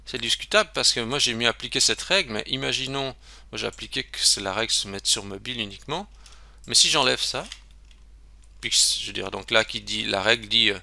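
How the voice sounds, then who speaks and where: A man's voice: medium pitch, gravelly, pushed and bright, dry recording. A man giving a casual screen-recorded web tutorial, chatty and self-interrupting, with lots of fillers.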